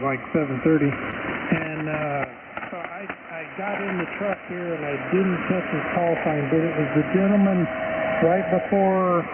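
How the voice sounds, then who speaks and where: A man from Iowa calling into a ham radio net from his truck, rambling and hesitant. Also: fairly high pitch. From Southwest Iowa. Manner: rambling, hesitant, many uhs. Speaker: portable radio operator calling in. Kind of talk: casual on-air radio chat. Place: inside a truck outdoors. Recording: tinny noisy radio transmission.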